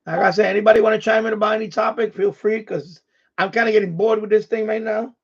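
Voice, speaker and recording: Male live stream host, husky higher voice, chatty and muttering with louder radio calls, lo-fi sound. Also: steady tone, fast. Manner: muttering to himself, with louder call-outs. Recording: dull, lo-fi sound.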